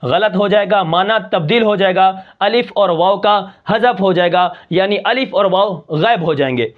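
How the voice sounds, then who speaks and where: A man teaching Quran recitation rules, asking and answering his own questions, reciting example words slowly and drawn out. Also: high voice, phone-quality sound. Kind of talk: tajweed lesson.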